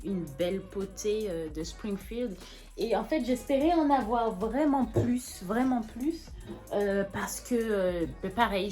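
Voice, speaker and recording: A woman's voice: fairly high pitch, darkish tone. Chatty woman. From Martinique. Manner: chatty, rambling, many fillers and restarts. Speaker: plant vlogger. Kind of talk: casual show-and-tell vlog.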